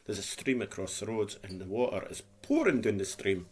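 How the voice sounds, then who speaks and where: A brisk, expressive man in his fifties with a lowish, slightly mellow, husky voice and a Dundee Scottish accent. He vlogs in a casual, plain, rambling and repetitive way, and a speech impediment turns his r sounds into w.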